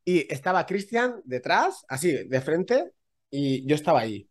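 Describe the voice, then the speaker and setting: A man co-hosting a podcast, telling anecdotes in animated, quick bursts. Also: fairly high pitch, no room sound. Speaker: podcast co-host. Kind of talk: casual podcast storytelling.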